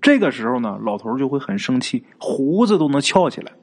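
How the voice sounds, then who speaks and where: A man narrates a ghost story as if chatting, with frequent filler particles and little asides. His voice sits at an ordinary middle pitch. The telling is loose and conversational rather than read from a script. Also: big pitch swings, a little fast.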